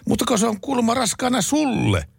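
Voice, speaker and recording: A shrill, upset farm wife, as a male radio host puts her on in a strained falsetto that sits far above his own voice. The lines come slowly and are overdone for the joke, with a close, dry studio sound. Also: huge pitch swings, creaky, breathy edge, dry recording, heavily acted. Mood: indignant. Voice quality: high falsetto. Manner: slow, exaggerated delivery of joke lines.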